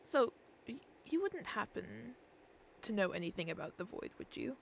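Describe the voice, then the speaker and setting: Creaky-voiced woman in lively role-play. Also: mid-range voice, normal speed, slight background noise. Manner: hesitant, searches for words, restarts. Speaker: streamer playing a shopkeeper character. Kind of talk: in-character game role-play.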